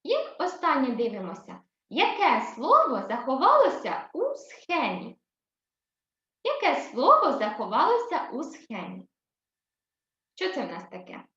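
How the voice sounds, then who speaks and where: A high-voiced woman teacher talks young children through a reading lesson, slow and deliberate, repeating each point. Her pitch rises and falls a lot. She sounds a bit muffled in an echoey room. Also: wildly swooping pitch, pushed and bright. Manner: slow, clear and repetitive, addressing children. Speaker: primary school teacher.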